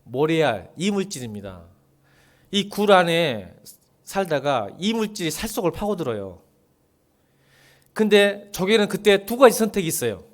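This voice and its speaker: Male pastor, fairly high and very animated voice, preaching with rhetorical questions and big soft-to-loud swings. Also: normal speed, pauses often. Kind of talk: sermon.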